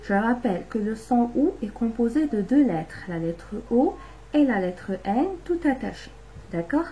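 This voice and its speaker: A woman teaching a lesson to young children at home, explaining each step slowly and patiently, sounding out syllables. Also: a little high, lively intonation, mellow, slight background noise, rough recording. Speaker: primary school teacher.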